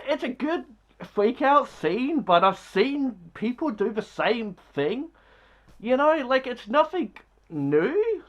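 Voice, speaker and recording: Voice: mid-range voice, highs cut off. A movie reviewer talking casually and bluntly, rambling with lots of filler words. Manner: blunt and dismissive.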